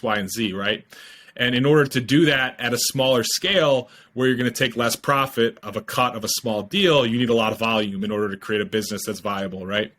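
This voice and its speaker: A young startup founder in his twenties explains things eagerly, with many fillers, in a casual podcast interview over a video call from a home room. He wears a headset, and his medium-pitched voice is bright and forceful.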